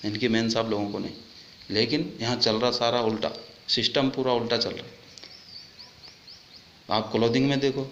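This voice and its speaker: A man's voice: medium pitch, dull audio. Indignant man in an echoey room. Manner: indignant, accusatory, rising to loud outbursts. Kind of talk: impassioned monologue. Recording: echoey room with faint ambient noise.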